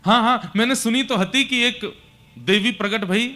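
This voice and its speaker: A man's voice: very high voice, a little slow, pushed and bright, faint music behind, pitched above the performer's own voice, heavily acted. A man voicing a grieving, devoted village mother who pleads tenderly in a rustic Braj accent. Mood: puzzled.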